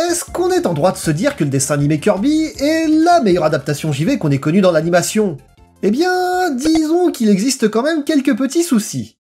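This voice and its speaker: Over background music, a narrator delivers a scripted video essay in an expressive, emphatic, colloquial style. The voice sits at medium pitch.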